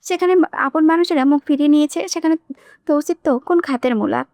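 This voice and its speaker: A woman's voice: high voice, brisk, darkish tone, no echo, studio quality. A woman reading a romantic novel aloud as an audiobook narrator, voicing the characters' lines herself. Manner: reads all characters herself, shifting tone for quoted lines. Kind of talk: scripted novel narration with voiced dialogue.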